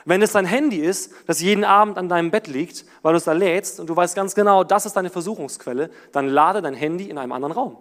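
A man preaching a sermon, swinging from loud emphasis to quiet, low passages. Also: quick pace, hardly any pauses. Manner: animated, rises and drops in volume for emphasis.

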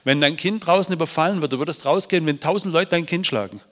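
A man's voice: a little high, fast. Emotional man telling a story in a hall. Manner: emotional, swings from loud to hushed. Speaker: speaker. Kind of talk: motivational storytelling talk. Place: large hall. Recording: hall reverb with faint music.

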